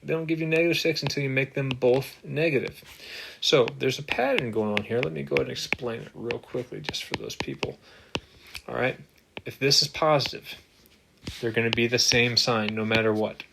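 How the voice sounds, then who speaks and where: The recording comes from a desktop microphone and is noisy, with ticking. A man teaching math speaks a little fast in a creaky, mid-range voice. He explains examples while writing on screen for a screen-capture lesson, upbeat and joking when he slips up.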